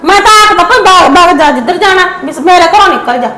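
An actress playing a sharp-tongued older mother-in-law in a Punjabi village family drama, blunt and scolding, with a Punjabi accent. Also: very high-pitched, animated. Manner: blunt, scolding, quick retorts. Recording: echoey room with loud noise.

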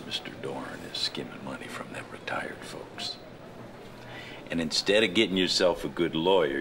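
An actor playing a crooked, scheming old small-town lawyer who talks in a smooth, folksy, often hushed and whispery way. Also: male voice, rumbling low, background noise. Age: older.

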